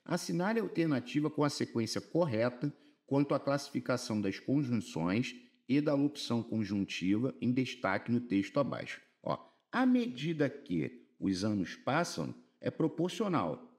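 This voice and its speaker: A Brazilian man teaching an informal grammar lesson for exam prep, slangy and upbeat, reading examples slowly and with emphasis. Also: mid-range voice, a little mellow. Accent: Brazilian Portuguese.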